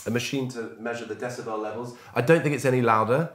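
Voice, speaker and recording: A man giving a one-on-one music masterclass, animated and searching for words as he coaches, often restarting his phrases. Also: medium pitch, fast.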